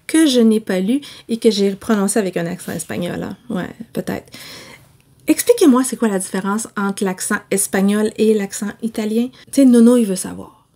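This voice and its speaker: A woman's voice: mid-range voice, warm tone. A young woman with a Québécois French accent, chatting animatedly to her viewers as she reviews books. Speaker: book vlogger. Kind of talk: casual book review.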